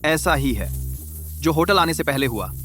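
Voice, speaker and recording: A man's voice: on the high side, lively intonation, moderate pace, over music, lightly acted. A man voicing a confident young male company chairman who teases his rival in a dubbed drama. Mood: calm teasing.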